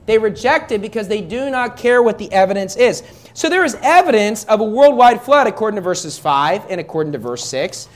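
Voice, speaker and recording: A man's voice: sits high, big pitch swings, brisk, hardly any pauses. Man preaching with rhetorical questions. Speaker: pastor. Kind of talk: sermon.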